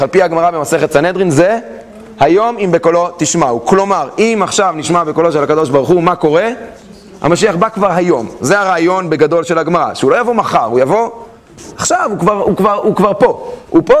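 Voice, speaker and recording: A man teaching a Torah class, telling stories and asking the listeners questions, with an Israeli Hebrew accent. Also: on the high side. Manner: animated, asks questions to the class and acts out story voices. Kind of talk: lively Torah lesson with storytelling.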